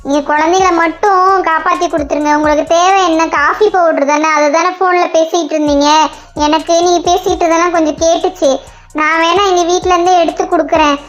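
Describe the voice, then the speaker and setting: A woman's voice: very high-pitched, fairly even intonation, brisk. A woman voicing a tearful mother begging a police officer to find her missing children, in a cartoon. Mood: pleading. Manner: pleading, begging. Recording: music faintly behind.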